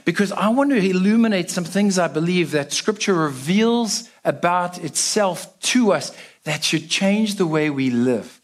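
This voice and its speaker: A young South African man, appearing as a guest preacher, gives a casual, joking sermon to a church congregation. He is self-deprecating and chatty, using fillers along the way. His voice sits high and is expressive, with a measured pace.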